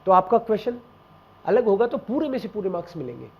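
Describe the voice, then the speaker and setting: A man with a high voice explains exam tips to a class in a relaxed, conversational way, speaking right to his students. He slips German example phrases into his talk. The recording is dull and lo-fi. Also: quick pace, gravelly. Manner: mixes Hindi with German example phrases, addresses students directly. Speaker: German language teacher.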